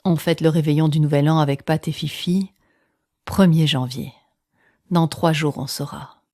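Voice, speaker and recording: This woman's voice sits low, mellow and steady as she recounts something personal in her own words. She leans on dramatic pauses, occasionally nearly whispers, and performs other people's lines, all captured in a dry recording.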